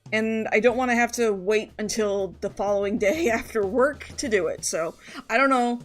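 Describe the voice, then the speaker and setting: A woman streamer chatting casually to her live audience, rambling and going off on tangents. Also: medium pitch. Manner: rambling, chatty, often restarts and trails off.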